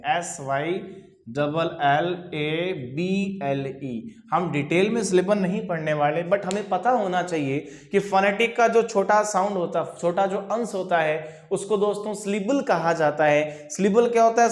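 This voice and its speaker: A man teaching as a coaching instructor in a classroom lecture, repeating key phrases slowly and asking and answering his own questions. He speaks terms. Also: high voice. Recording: roomy echo.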